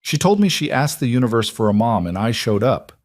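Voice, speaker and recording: A man voicing a gentle adult woman who hides her wealth, speaking softly and earnestly in a storybook reading. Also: medium pitch, very animated, brisk, dry recording, studio quality, voice pushed up, natural voice. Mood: tender.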